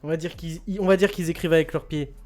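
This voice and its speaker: High-voiced quiz host joking along. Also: male voice, fairly even intonation, quick pace, darkish tone. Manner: joking, laughs often, repeats words. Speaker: host of an online quiz radio show. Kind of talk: casual quiz hosting, chatting with listeners.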